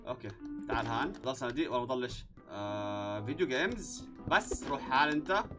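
A man playing a horror game on his channel, swinging from calm muttering to panicked yelling. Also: medium pitch, fast, music in the background. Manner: frantic, shouting in panic, then muttering calmly while sorting. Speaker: gaming YouTuber. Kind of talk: horror game let's play commentary.

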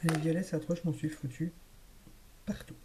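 A woman vlogger talks casually through a makeup haul, her voice dark and mellow. Some words drop to a half-whisper. Faint noise hangs behind her. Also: low voice, steady tone, brisk. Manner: chatty, describing eyeshadow shades, some words half-whispered. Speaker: beauty vlogger. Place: home room with lights.

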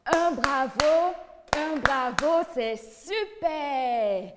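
A woman's voice: high voice, lively intonation, extremely slow, long reverb tail, noisy background. A woman leading a children's church lesson with songs, coaxing and encouraging the little ones with questions. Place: church hall.

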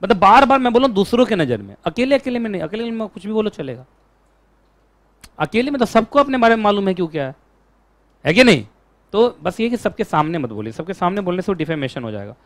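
Male law lecturer, animated, keeps questioning the class; higher voice, dry close recording. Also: quick pace, no echo. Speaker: law teacher.

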